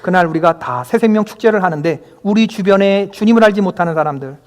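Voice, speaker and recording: Here the preacher's voice is high, expressive, and fast as he gives his Sunday sermon. Emphatic and frequently questioning the congregation, he fills the church sanctuary, where the recording carries a long hall reverb.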